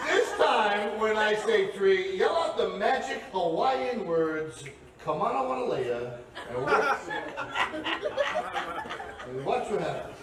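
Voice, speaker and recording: A man's voice: high voice, big pitch swings, takes it slowly, pauses often. A man performing a crude comedy magic act, brashly teasing his audience. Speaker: stage magician. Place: live venue before an audience. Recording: echoey live room from far off. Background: loud laughing crowd and noise.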